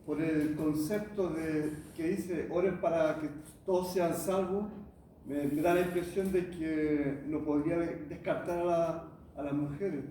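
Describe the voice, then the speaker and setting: A man's voice: a little high, fairly even intonation, measured pace, dark tone, a little hiss or hum. A man from the congregation who raises a polite question during a Bible study. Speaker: congregation member. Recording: echoey hall, recorded from far off.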